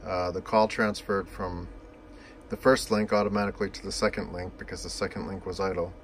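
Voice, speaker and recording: In a deep voice with a level tone, a man talks fairly quickly as he explains vintage telephone equipment. The informal, unscripted, matter-of-fact demo takes place indoors beside an equipment cabinet, recorded on a camera mic with a little hiss or hum.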